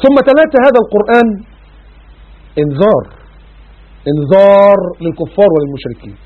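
A man's voice: high-pitched, sing-song, a little fast. A man with an Egyptian accent preaching a sermon, firing rhetorical questions and chanting verses. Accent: Egyptian Arabic. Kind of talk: Islamic sermon with Quran recitation. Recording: tinny phone-like lo-fi audio.

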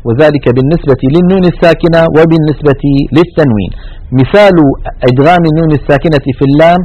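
Man, recitation teacher, slightly high voice, dry close recording, patient explaining, slow drawn-out recited examples. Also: a little mellow, no echo, low-quality recording. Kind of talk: tajweed lesson with recited examples.

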